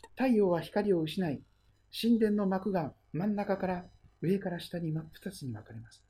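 Pastor, sermon, mellow husky voice, storytelling, hushed phrase endings. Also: medium pitch, lively intonation, moderate pace. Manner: storytelling, trailing into a hush at phrase ends.

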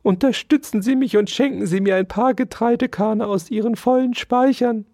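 A storyteller voicing a poor, self-pitying female field mouse who pleads and wails in a very high, strained voice. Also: normal speed, warm tone, no echo, studio quality, natural voice. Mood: wailing.

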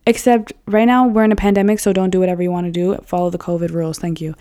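A vlogger in her early twenties talks casually and frankly to her viewers, swearing freely and peppering her speech with "like." Her lowish voice is warm, flat in delivery, and fast.

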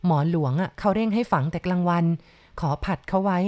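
A frightened young village woman, voiced by a woman storyteller, passing on news in a hushed, half-whispered tone. The voice is lowish and soft, as in a spoken ghost storybook. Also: brisk, close to an everyday voice. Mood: fearful.

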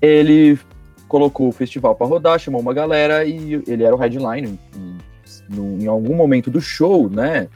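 A man's voice: medium pitch, normal speed, warm tone, muffled recording. Male podcast host, Brazilian accent, loose street-slang delivery, mid-range voice, music behind. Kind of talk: casual chat, presenting a music and news podcast.

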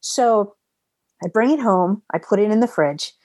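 A woman telling a rambling, animated story in casual chat, swearing freely. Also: medium pitch, measured pace, no echo.

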